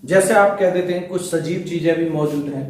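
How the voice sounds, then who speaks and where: A man's voice: fairly high pitch, brisk, a little mellow, a little hiss or hum. A man teaching a Hindi grammar lesson to students, explaining step by step and speaking to them directly. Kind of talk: online exam-prep lesson. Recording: very echoey room, voice slightly far from mic.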